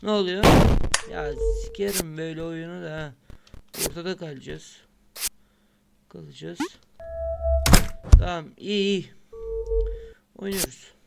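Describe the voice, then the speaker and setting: A man's voice: on the high side, unhurried, creaky, pauses often, heavy background noise. A man giving let's-play commentary on a close-up microphone, muttering along as he plays and bursting out cursing when the game frustrates him. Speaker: gaming channel host. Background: loud game music.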